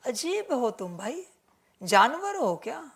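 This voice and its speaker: A woman spiritual teacher giving a sermon that addresses her listeners as children. She gently admonishes and repeats her points, with English words mixed into her talk. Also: sits high, very animated, slow, creaky. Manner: mixes English words into Hindi.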